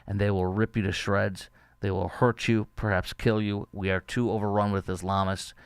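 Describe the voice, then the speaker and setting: A man's voice: fairly low pitch, flat delivery, moderate pace, clear, resonant tone, dry recording. Indignant male podcast host. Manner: indignant, scornful. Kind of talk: political commentary.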